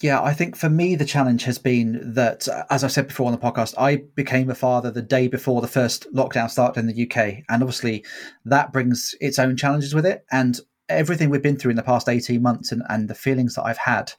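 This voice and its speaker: A man hosting a podcast, leading the talk in a relaxed, conversational way. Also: mid-range voice, a little fast. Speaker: podcast host. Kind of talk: casual interview chat.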